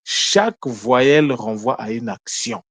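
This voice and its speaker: A man giving a lesson on word meanings, in a deliberate way that poses questions and answers them, often correcting himself mid-sentence. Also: medium pitch, sing-song, gravelly, fairly bright tone, no room sound. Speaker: teacher of Kikongo word meanings. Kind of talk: explanatory lesson talk.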